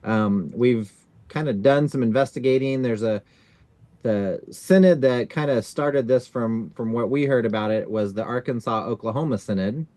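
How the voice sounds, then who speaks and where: Male call host, mid-pitched, dry close sound, easygoing and rambling. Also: normal speed, no echo. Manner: relaxed, many fillers like "kind of". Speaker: synod staff leading a video-call orientation. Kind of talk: casual hosting on a video call. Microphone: video call.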